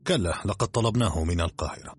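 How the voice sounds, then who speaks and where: Male reader plays a blunt, matter-of-fact doctor; low, husky tone, light music underneath. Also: fast talker. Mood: curt. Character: curt, rational male expedition doctor.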